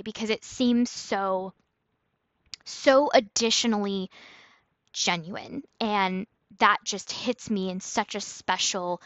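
A woman's voice: mid-range voice, fairly bright tone, dry recording, lo-fi sound. A woman hosting her own podcast, talking casually in a rambling, chatty way and laughing often. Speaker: podcast host. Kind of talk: casual solo podcast monologue.

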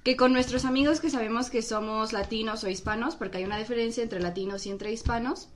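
A woman's voice: a little high, steady tone, fast, a little hiss or hum. A woman from Texas, a guest on a casual comedy podcast, talking playfully and teasing with mock-serious corrections. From Texas, United States.

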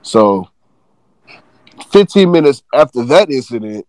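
A man from Texas, telling a work story in loose, profane, animated casual chat. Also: mid-range voice, a little slow, no echo.

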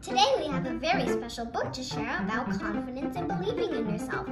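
A woman hosting and reading a children's picture book aloud in a slow, deliberate way. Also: sits high, big pitch swings. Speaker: podcast host. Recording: roomy echo, music behind. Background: music.

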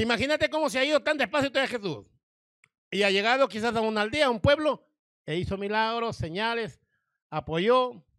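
A man's voice: high-pitched, a bit bright, dry recording, studio quality. A male pastor preaching a sermon, reading scripture verses and asking the congregation rhetorical questions.

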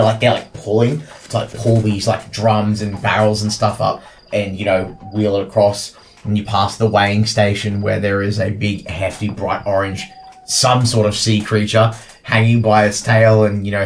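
A man with a lowish voice narrates as game master of a tabletop game, loose and filler-heavy with lots of "like"s. The recording is rough, with a little hiss or hum.

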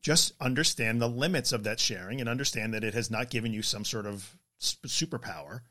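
A man co-hosts a casual podcast, talking fast with wry jokes. His voice is bright and crisp at a middling pitch. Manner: wry, joking, ranting. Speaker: podcast co-host. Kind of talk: casual chat.

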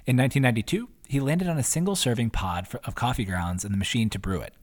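A man's voice: medium pitch, quick pace. A man narrating his own written post aloud in an upbeat, conversational reading voice, adding casual asides. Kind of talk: read-aloud essay narration.

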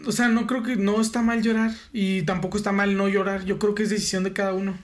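A man's voice: high-pitched, little pitch movement, fast talker. A man with a Mexican accent chatting casually in an easygoing, joking way. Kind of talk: casual podcast chat.

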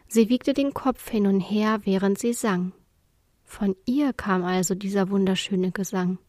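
A woman narrating a children's storybook chapter in a clear, even reading voice. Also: medium pitch, measured pace, no room sound, clean studio sound. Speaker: audiobook reader.

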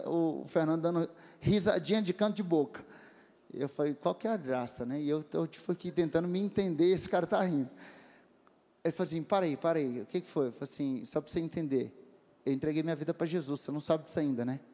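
A man giving a testimony in a sermon, a lively storyteller acting out the voices of the people in his story. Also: on the high side, fast, in a large hall.

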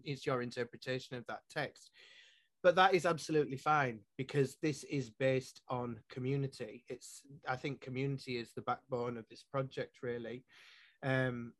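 Speaking with a Yorkshire accent, this man is a poet and publisher from Yorkshire, England, rambling thoughtfully through an interview and restarting often. His mid-range voice is a bit bright, and the sound carries no echo.

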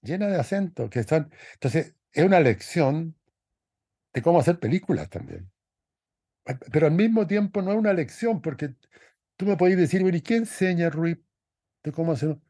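A man's voice: a little high, expressive, moderate pace, pauses often, warm tone, dry recording, clean studio sound. A man, co-hosting a podcast and talking through a film in a loose, thoughtful way with many restarts. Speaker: podcast co-host. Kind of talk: casual film discussion.

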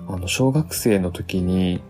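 A man hosting a solo podcast, talking in a relaxed, reflective way with many fillers as he recalls his school days. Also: low voice, takes it slowly, soft background music. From Japan. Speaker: podcast host.

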